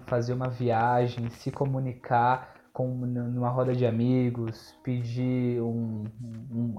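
Relaxed, encouraging man. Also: mid-range voice. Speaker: podcast co-host, English teacher. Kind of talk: casual podcast chat.

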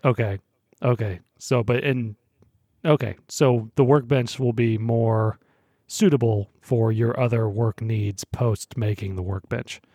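Husky-voiced young man, teasing. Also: mid-range voice, steady tone, a little slow, dark tone, no echo, studio quality. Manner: teasing, laughs often. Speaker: podcast co-host. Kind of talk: casual podcast chat.

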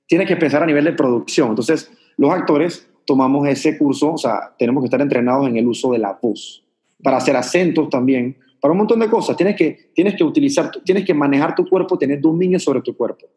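Speaking a little fast in a high-side, darkish voice, an actor and voice coach from Panama chats as a guest. With his Panamanian Spanish accent, he animatedly explains voice technique in casual conversation and demonstrates sounds.

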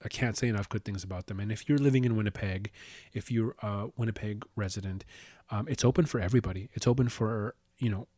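Low-voiced man, rambling. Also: quick pace, warm tone, dry recording, clean studio sound. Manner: rambling, with many restarts and casual swearing. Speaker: podcast host. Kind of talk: casual storytelling.

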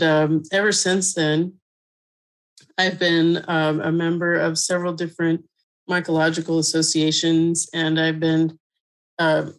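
A middle-aged woman from Colorado, a mushroom expert guest, chatting in a relaxed way with lots of fillers and frequent laughter. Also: low-pitched, low-quality recording. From Colorado, USA. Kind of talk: casual interview conversation.

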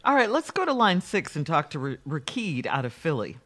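A man co-hosting a radio show, lively and brisk as he introduces callers and segments. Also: fairly high pitch. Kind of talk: call-in radio talk.

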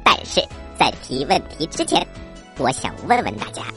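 Playful cartoon little frog, very animated. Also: female voice, deep voice, normal speed, over music. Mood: playful, cheerful. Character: cheerful little frog quiz host for children. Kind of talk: children's story show quiz segment.

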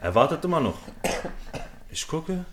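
A man's voice: a little high, very animated, a little slow, background noise. Young man telling a rambling story. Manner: rambling slangy anecdote with many fillers. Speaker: podcast host. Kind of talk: casual storytelling among friends.

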